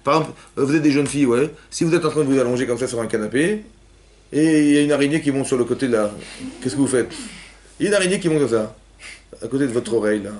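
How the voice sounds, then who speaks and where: A man teaching a lively class to young women, asking questions and acting out cries and quotes. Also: mid-range voice, fast. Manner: animated, asks questions, acts out cries and quotes. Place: synagogue hall with young women students.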